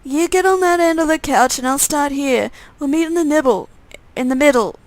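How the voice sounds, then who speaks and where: A woman voicing a sarcastic young man, a flesh-hungry twin brother who grumbles and threatens in a game reading. Her voice is a bit high and gravelly. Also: normal speed, no room sound. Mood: menacing.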